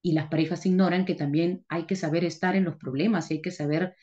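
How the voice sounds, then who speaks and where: In a lowish, steady, darkish voice, a woman teacher lectures briskly and emphatically to motivate, on dull-sounding audio. Driving her points home through repetition, she poses rhetorical questions and then answers them herself.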